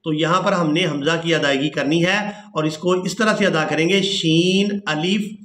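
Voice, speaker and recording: A man teaching tajweed, spelling out letters and vowel marks, then chanting each verse slowly and melodically. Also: a little high, fairly even intonation, a bit bright. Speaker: Quran recitation teacher. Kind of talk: tajweed lesson with chanted recitation. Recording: echoey room.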